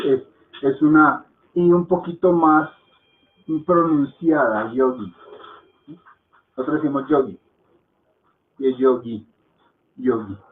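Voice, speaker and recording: A Hindi teacher with a slightly high voice for a man teaches at a slow, deliberate pace, repeating words again and again to drill pronunciation. He checks in with soft "¿mm?" and "¿ok?", and the echoey, thin audio resembles a phone line.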